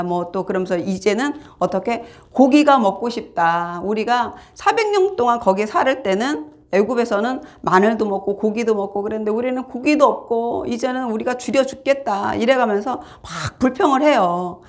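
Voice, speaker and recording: A woman's voice: fairly high pitch, expressive, normal speed, few pauses. Woman preacher acting out a story. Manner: storytelling, acting out quoted dialogue. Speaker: pastor. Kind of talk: sermon.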